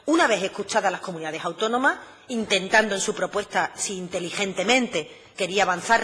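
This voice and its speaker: A middle-aged woman, a regional finance minister, giving a formal parliamentary address in a measured, emphatic way, with frequent "eh" hesitations. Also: mid-range voice, a bit bright, long reverb tail.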